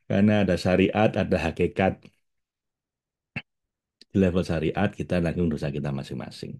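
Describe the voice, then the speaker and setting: A man gives a relaxed spiritual talk. He speaks as a teacher, chatty and direct with his listeners, often breaking into laughter. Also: deep voice, unhurried, long pauses. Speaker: religious teacher.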